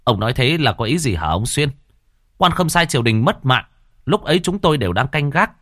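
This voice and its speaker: A man's voice: medium pitch, very animated, measured pace, a bit bright, no room sound, clean studio sound, pitched above the performer's own voice. A man voicing a frightened young soldier who stammers and repeats his words. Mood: indignant.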